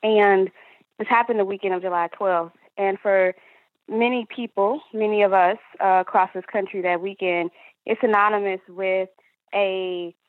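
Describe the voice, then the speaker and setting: A young woman answering interview questions in a halting, reflective way, as if searching for words, over a narrow phone-like line. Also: mid-range voice, steady tone, dry recording. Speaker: activist organizer and interview guest.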